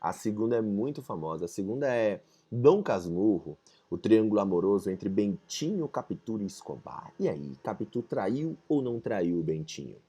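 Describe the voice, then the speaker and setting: Chatty Brazilian teacher, low mellow voice. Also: male voice, sing-song, normal speed, few pauses, husky. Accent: Brazilian Portuguese. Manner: chatty, slangy, mixes in English phrases. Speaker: literature teacher. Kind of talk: casual video lesson.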